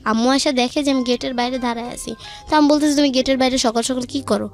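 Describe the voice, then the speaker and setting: Speaking fast in a high-pitched, steady voice, a young woman with a Bangladeshi accent recounts her own life story conversationally as a guest, with music underneath. She relays dialogue turn by turn in colloquial language.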